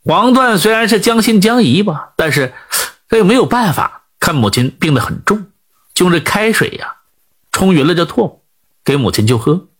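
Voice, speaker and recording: A man telling a folk tale in an animated, conversational storytelling manner. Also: sits high, normal speed, slightly rough.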